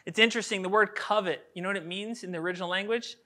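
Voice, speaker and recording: A man preaching a sermon with a bright, forward tone. He talks to his congregation casually, tossing out rhetorical questions and slipping into playful voices for everyday quotes. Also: high-pitched, racing. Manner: lively, conversational, full of rhetorical questions. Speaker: pastor. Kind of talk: expository sermon.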